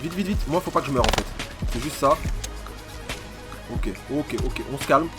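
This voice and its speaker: A man giving excitable, slangy live commentary over his own gameplay as a YouTuber, swearing often and talking at his opponents. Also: medium pitch, normal speed, loud music behind the voice. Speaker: gaming YouTuber.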